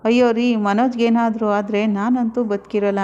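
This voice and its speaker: A woman's voice: a little high, flat delivery, moderate pace, mellow, clear, resonant tone, highs cut off, natural voice. A woman voicing a tearful mother who wails over her injured son while retelling a TV serial. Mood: wailing. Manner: wailing, pleading.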